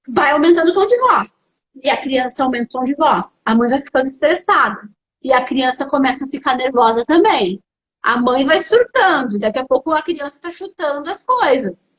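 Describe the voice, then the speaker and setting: A young adult woman with a Brazilian accent hosting a live stream as an educational psychologist, explaining parenting tips to viewers in an animated, direct way. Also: high voice, poor audio. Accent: Brazilian Portuguese. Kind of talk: casual live-stream advice talk.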